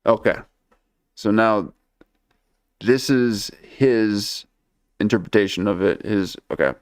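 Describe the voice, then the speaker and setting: A man's voice: lowish voice, slow pace, dry recording, clean studio sound. A man hosting a casual reaction livestream, rambling loosely and tagging nearly every phrase with "okay?".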